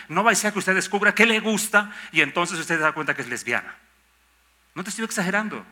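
A man's voice: high-pitched, bright, forceful tone. An older man, a pastor preaching a sermon emphatically, with rhetorical questions and mock objections.

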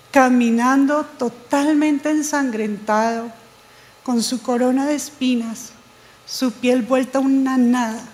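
A woman preaching a sermon, telling a personal testimony in an animated way. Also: high-pitched, big-room sound, low-quality recording. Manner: animated storytelling, quoting others, laughing at herself.

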